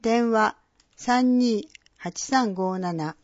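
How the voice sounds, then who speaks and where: A woman's voice: fairly high pitch, no echo, lo-fi sound. Woman reading a community announcement. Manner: clear, measured reading of names and dates. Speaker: municipal announcer. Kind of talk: scripted public-service announcement.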